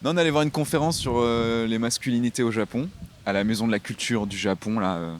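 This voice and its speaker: A man's voice: medium pitch, quick pace, slight background noise. Slangy young man chatting outdoors. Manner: casual slangy talk, many fillers and restarts. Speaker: podcast co-host. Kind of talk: casual chat. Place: outdoors by a river, windy.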